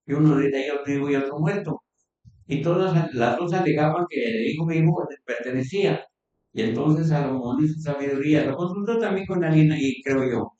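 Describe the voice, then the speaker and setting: A man's voice: a little high, darkish tone. Man preaching in an echoey hall. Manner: conversational, repeats and restarts words. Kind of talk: sermon. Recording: distant echoey church recording, dull sound.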